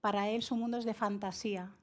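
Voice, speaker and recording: A woman psychologist answering interview questions in a measured, explanatory way, often laughing, from Spain. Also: medium pitch, fairly even intonation. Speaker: psychologist guest.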